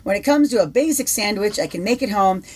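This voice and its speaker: A woman co-hosting a casual podcast, giving prepared answers in a measured, steady way. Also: medium pitch. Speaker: podcast co-host.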